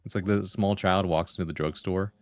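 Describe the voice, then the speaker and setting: Low-voiced man chatting casually on a livestream. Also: fairly even intonation, brisk, no room sound. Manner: slangy, conversational, full of "like" and "bro". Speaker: livestream host. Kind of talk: casual chat with viewers, reading comments aloud.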